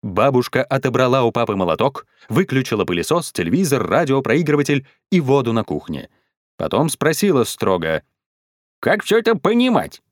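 Animated man reading a children's story. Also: mid-range voice, fairly quick, dry recording, studio quality. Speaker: narrator.

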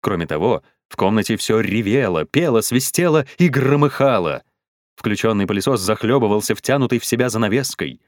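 A man reading a children's story aloud in an expressive, animated way. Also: on the low side, brisk, dry recording, studio quality. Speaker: narrator.

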